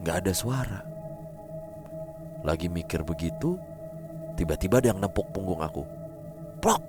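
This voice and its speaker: A man with a very low voice reads a horror story aloud, his pitch swinging widely as he dramatizes each scene. Faint music plays underneath. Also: lively intonation, moderate pace. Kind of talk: first-person story reading.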